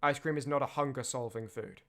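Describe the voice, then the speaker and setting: A young man streaming a game, chatting casually with lively tangents and frequent laughter. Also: mid-range voice, a little fast. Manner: animated, laughs often, chatty asides. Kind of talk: casual let's-play commentary.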